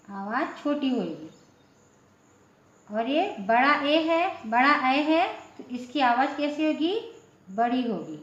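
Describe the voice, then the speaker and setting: A woman teaching a language lesson, slowly explaining letters, asking questions and answering them herself, often repeating words. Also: high voice. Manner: slow, repetitive, asks questions then answers them. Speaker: Hindi teacher. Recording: echoey room, dull lo-fi sound.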